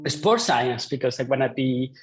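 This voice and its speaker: A man's voice: medium pitch, expressive, normal speed, rough recording. A man in his thirties from Chile with a Chilean accent, a Spanish speaker talking in English as the guest of an interview, polite and hesitant with many fillers. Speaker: guest researcher. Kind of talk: casual interview chat.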